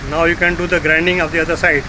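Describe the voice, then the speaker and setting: A man giving slow, step-by-step instructions while demonstrating a machine in a workshop. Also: a little high, little pitch movement. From India. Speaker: product demonstrator. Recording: noisy workshop recording.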